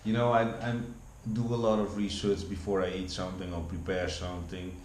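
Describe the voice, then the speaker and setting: A Dutch vlogger in his forties, with a fairly low voice and a Dutch accent, rambles off the cuff in a casual monologue, restarting sentences and repeating words. His delivery is flat and fairly quick. The room echoes noticeably, with a faint hum in the background.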